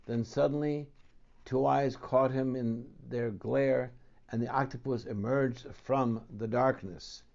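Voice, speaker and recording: Guy narrating a kids picture book, mellow voice, slightly dull recording. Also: mid-range voice, steady tone, slow, creaky. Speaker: storybook reader, host. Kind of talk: children's story narration.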